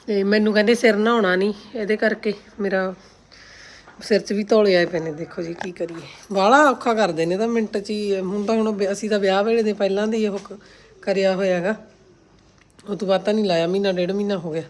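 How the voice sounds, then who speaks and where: A woman of about forty chats casually for a home vlog, sounding homely and exclaiming and complaining like an aunty. Her mid-range voice moves a little fast with fairly even intonation. She's outdoors in a farmhouse yard, and the recording is clear, with background noise and outdoor ambience.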